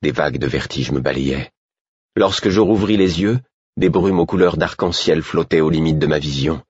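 A man giving a measured first-person novel narration as an audiobook narrator. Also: a bass voice, husky, no echo, lo-fi sound.

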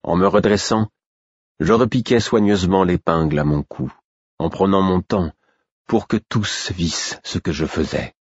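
A man reading a first-person fantasy story aloud in a measured, even way. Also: deep voice, breathy edge, dry recording. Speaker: audiobook narrator. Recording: dull, muffled audiobook sound.

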